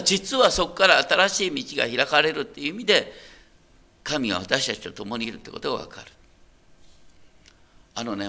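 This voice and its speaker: Preaching a sermon, a pastor talks conversationally in a slightly high voice with a sharp tone. He poses questions to the listeners and regularly checks that they're following along.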